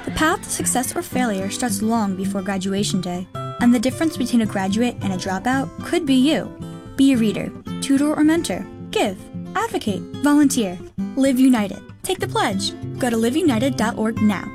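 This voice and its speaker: A woman reading a scripted public service appeal in an earnest, measured way. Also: a little high, animated, over music. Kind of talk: scripted radio appeal narration.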